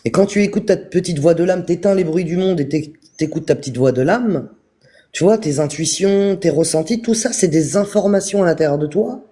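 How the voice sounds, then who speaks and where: A man giving a calm, repetitive spiritual talk on a live stream, speaking straight to his viewers. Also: on the high side, a little fast, breathy edge. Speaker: spiritual teacher.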